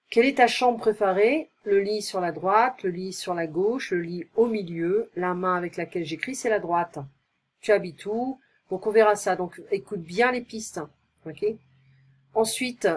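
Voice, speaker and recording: A woman teaching in a recorded tutoring lesson, explaining slowly and checking in often with short questions. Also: mid-range voice. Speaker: French teacher.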